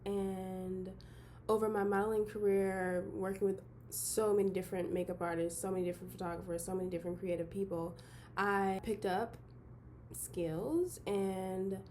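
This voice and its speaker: A young woman from Detroit, a model turned beauty vlogger, introducing herself in a bubbly, excitable way with giggly bursts. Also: medium pitch, measured pace, a little hiss or hum. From Detroit, Michigan. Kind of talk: casual intro vlog.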